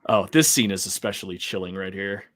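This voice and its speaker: A man's voice: sits low, a little fast, fairly bright tone, a little hiss or hum. A man giving casual, rambling gameplay commentary on a livestream, laughing and talking to his chat. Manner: chatty, rambling, laughs often, talks to chat.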